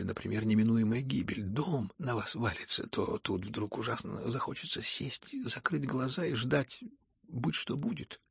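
A man with a husky, gravelly voice voicing a gentle young prince who speaks thoughtfully and often sinks into a whisper. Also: fairly low pitch, no echo, clean studio sound, heavily acted. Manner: musing, slows down and drops to a whisper.

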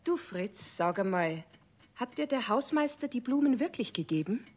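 A woman's voice: on the high side, very animated, normal speed, a little mellow, husky. An actress playing a scolding but loving mother in a 1970s radio play. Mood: stern. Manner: stern, then flustered.

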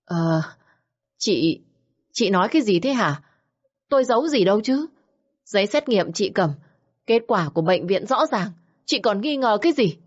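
A woman's voice: mid-range voice, lively intonation, moderate pace, pauses often, muffled recording, voice pushed up, close to an everyday voice. A woman voicing a frightened young mother who stammers and begs tearfully. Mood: defensive.

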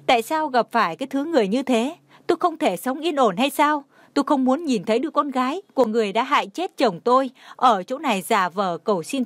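A woman's voice: sits high, no echo, voice pushed up. A woman doing a furious grieving widow in her sixties. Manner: wailing, furious accusations.

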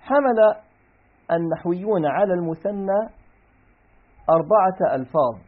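A man's voice: sits high, animated, moderate pace. A man giving a grammar lesson, reading a classical text aloud and then parsing examples step by step. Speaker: grammar teacher. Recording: tinny phone-like recording.

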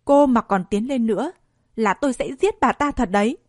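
A woman's voice: a little high, moderate pace, darkish tone, no room sound, clean studio sound, close to an everyday voice. A woman voicing a panicked male kidnapper who threatens in a trembling voice. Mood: threatening.

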